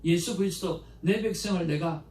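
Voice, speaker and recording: A man, a pastor, giving a conversational Sunday sermon in a church, mixing stories with animated pleas to God. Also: high-pitched, normal speed. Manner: conversational, anecdotal preaching with animated emotional quotes. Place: church sanctuary. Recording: echoey church room, mic at a distance, faint background noise.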